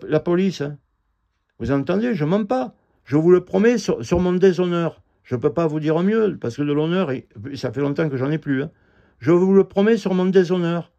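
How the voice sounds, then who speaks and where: A middle-aged man telling his own grievance in a halting, indignant ramble full of fillers and restarts. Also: fairly high pitch, gravelly, warm tone. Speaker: vlogger telling a personal grievance. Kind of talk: rambling first-person account. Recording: dull lo-fi audio.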